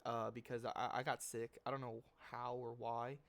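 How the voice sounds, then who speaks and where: In a flat, mid-range voice at moderate pace, a man nasal from a cold goes over his trades for his trading channel via casual screen share. The delivery is loose, slangy and self-correcting, with mild swearing.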